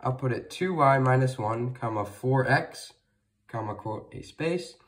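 A man's voice: medium pitch, measured pace. Male tutorial presenter, slightly distant mic, dictating code one symbol at a time in clipped segments. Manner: dictating code symbol by symbol in short separate pieces. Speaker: presenter of a calculator programming tutorial. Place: indoors at a wooden table, off camera.

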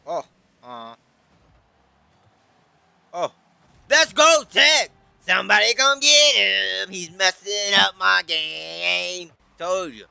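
Indoors in his bedroom, a young man with a headset mic plays up his game with lively, playful chatter, teases his own singing, and wraps up with an outro as a gaming YouTuber. He sounds high and creaky with a sharp edge, and the recording is dry.

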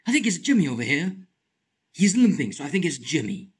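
Let's play host, male, slight lisp, husky tone, wildly swinging pitch, excitable commentary. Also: a little fast. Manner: excitable, shrieks and mutters to himself. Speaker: gaming channel host.

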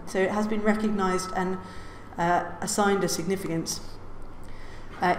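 A woman giving a public lecture from a lectern, with many "uh"s and the odd wry aside. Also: medium pitch. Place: lecture hall. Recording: roomy lecture hall reverb, faint hiss.

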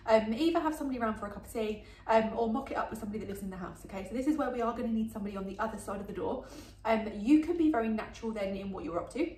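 A woman with a slightly high, warm voice talks fast as she teaches dog training at home. She's chatty, says "um" a lot, and checks "okay?" while walking through each step of her instructional demonstration. The recording was made indoors at home in an echoey room, with her voice coming from a distance.

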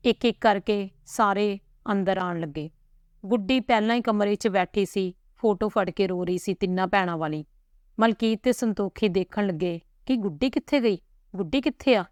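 Calm woman storyteller, dry close sound. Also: mid-range voice, clean tone, no room sound. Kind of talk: serialized story narration.

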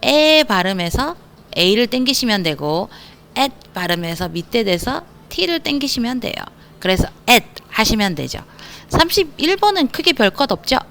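A woman teaching English spelling to young students in an online lesson, playful and energetic, joking as she spells words out slowly. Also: on the high side, vocal fry, a little hiss or hum. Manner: playful, energetic, self-mocking asides; slows down to spell letters out.

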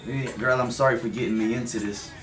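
A man's voice: medium pitch, fairly even intonation, fast, fairly bright tone. A man chatting casually in short, informal remarks. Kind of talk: casual chat. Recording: echoey room with music playing.

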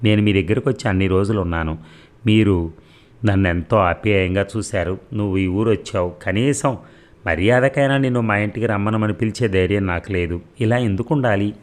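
Guy reading a stubborn young heroine in an audiobook, deep low voice, earnest, pushing her point. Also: brisk, lightly acted. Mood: pleading. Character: spirited young woman, teasing and determined.

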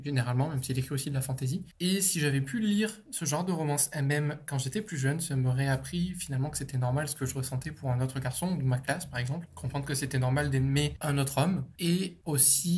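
A man's voice: medium pitch, fairly even intonation, a little fast, hardly any pauses, a little mellow, husky. A young man, an author, answering interview questions in a casual, chatty way, with frequent fillers and the odd swear.

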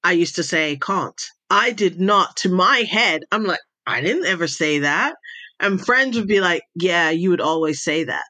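On a video call, a Jamaican woman with a blended American-British accent is interviewed and recounts episodes from her past in relaxed, conversational storytelling. Her lowish voice moves unhurriedly and the recording is dry. She laughs a lot and tells her stories with plenty of animation.

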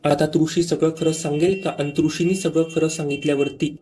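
A man narrating a TV serial plot recap in a steady, scripted retelling, reading out the characters' lines without putting on voices. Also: a little high, a little fast, a little hiss or hum.

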